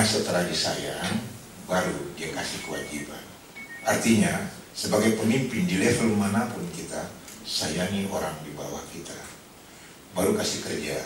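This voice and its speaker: A male preacher giving a Ramadan study sermon, telling lively stories and acting out voices with humor. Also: sits low. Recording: echoey hall from far off with noise.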